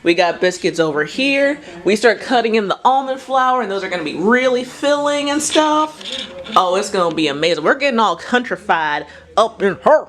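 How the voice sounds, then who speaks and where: A young woman chatting casually in her kitchen while feeding her child, rambling and breaking into excited cheers. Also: medium pitch, normal speed. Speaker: home cook and mother. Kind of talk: casual vlog chat.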